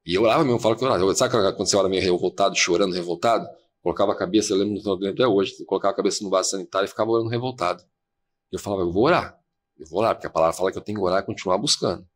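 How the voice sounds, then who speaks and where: In a podcast studio, a male guest earnestly tells a personal story, replaying conversations just as they happened. He speaks fast in a low voice with a steady tone.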